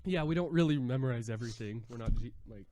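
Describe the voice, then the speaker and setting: A man's voice: medium pitch, quick pace, a crowd in the background. A young man co-hosting a casual podcast, playful and self-mocking. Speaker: podcast co-host. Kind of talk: casual chat.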